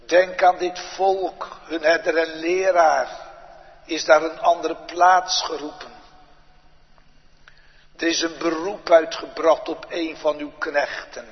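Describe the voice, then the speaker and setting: A pastor praying aloud from the pulpit in a slow, solemn litany of petitions, recorded in a large church. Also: male voice, fairly high pitch, steady tone. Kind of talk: pulpit prayer. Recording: dull lo-fi church recording with long reverb.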